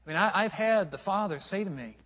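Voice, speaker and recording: A man's voice: high-pitched, lively intonation, brisk, fairly bright tone, in a large hall. A man preaching a sermon as a pastor, earnest and emphatic, often restarting his phrases.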